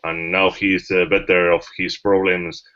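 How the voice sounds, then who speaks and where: A man from Spain, speaking haltingly with many fillers as a panelist in a casual discussion. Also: low-pitched, level tone, sharp tone. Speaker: journalist panelist. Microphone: video call. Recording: muffled online call audio.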